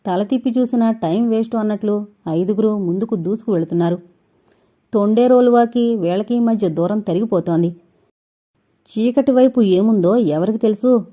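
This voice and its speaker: A woman narrating a suspense audio novel with steady, suspense-building storytelling. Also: medium pitch, moderate pace. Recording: dull lo-fi recording.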